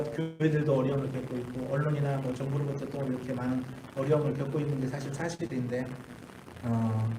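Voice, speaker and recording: A man's voice: medium pitch, mellow, slight background noise. A male pastor preaching a sermon in a church, often asking the congregation questions and repeating key phrases. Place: church sanctuary. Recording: echoey church from a distance.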